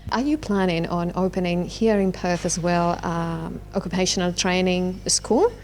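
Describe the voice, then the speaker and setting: A woman reporter asking interview questions, halting and using fillers. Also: lowish voice, fairly even intonation, slight background noise.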